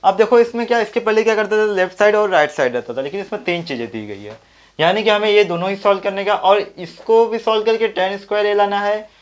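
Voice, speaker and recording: A man teaching a maths lesson at the board, thinking aloud and answering his own questions step by step. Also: high voice. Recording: dull lo-fi audio.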